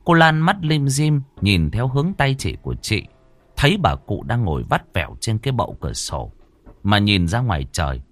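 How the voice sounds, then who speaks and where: A man narrating a horror story in a measured, dramatic way. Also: on the low side, big pitch swings, fairly bright tone, dry recording.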